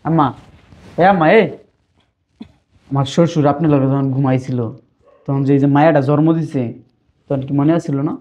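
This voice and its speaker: Man acting as a greedy son-in-law, mocking and insolent, fairly high voice, dull lo-fi sound. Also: fairly even intonation, normal speed, long pauses, warm tone, lightly acted. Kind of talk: web drama acting.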